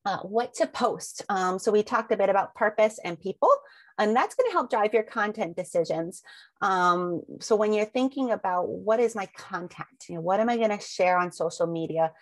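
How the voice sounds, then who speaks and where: A woman with a mid-range voice and lively intonation speaks at normal speed, with no echo. Over her webinar slides she runs through many rhetorical questions, saying um frequently, and allergies make her sound slightly sniffly.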